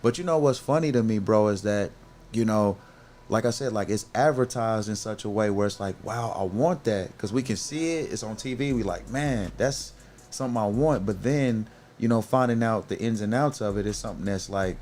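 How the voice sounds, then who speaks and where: Middle-aged male podcast host, lower voice, earnest and rambling, faint background noise. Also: normal speed, a little mellow. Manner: earnest, many restarts, says "bro" often. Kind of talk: casual podcast conversation.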